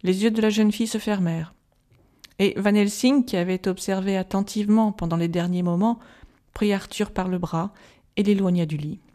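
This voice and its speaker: Mellow-voiced woman reading a gothic tale. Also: medium pitch, fairly even intonation, moderate pace. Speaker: audiobook reader. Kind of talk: scripted narration of a gothic novel.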